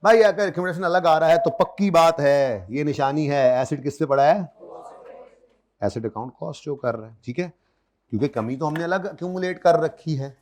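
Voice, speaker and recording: A man's voice: a little high, normal speed, background noise. Man lecturing a classroom on accounting. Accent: Pakistani Urdu. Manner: conversational, quizzes students, light teasing. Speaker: accounting teacher. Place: classroom with a board.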